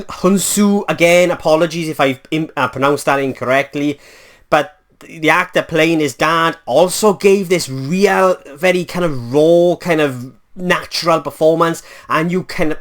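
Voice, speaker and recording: A Welsh man gives a casual spoken film review in a chatty, rambling style, full of fillers and self-corrections. He has a Welsh accent, and his voice is a little high with a fairly bright tone.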